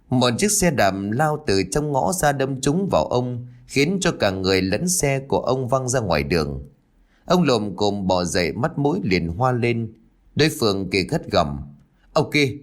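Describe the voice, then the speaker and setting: A man narrating a village ghost story in an expressive storytelling manner. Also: medium pitch.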